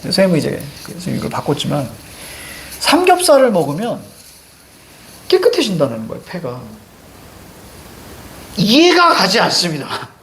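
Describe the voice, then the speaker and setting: A man's voice: high voice, moderate pace, creaky, pauses often, a little hiss or hum. A male teacher giving a classroom lecture, telling stories with jokey asides. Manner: animated storytelling, jokey asides.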